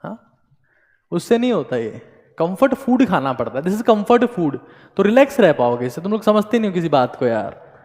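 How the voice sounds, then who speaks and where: A man's voice: high-pitched, sing-song, normal speed, darkish tone. A man doing a playful Indian coaching teacher, echoing. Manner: playful, switches into comic voices and Haryanvi tone. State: unwell. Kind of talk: motivational talk to exam students. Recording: long hall reverb.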